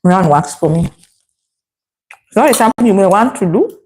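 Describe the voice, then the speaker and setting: A woman's voice: medium pitch, animated, normal speed, a little mellow. A woman with a Kenyan accent chatting casually as a travel vlogger, giving practical tips and checking in with the listener. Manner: conversational, checks in with "yeah?" and "okay?".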